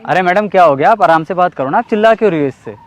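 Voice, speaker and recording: A young man hosting a staged street skit, earnestly lecturing and pleading for calm, outdoors on a city street. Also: sits high, very fast, no room sound, highs cut off. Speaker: prankster host of a street skit. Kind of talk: scripted street confrontation skit.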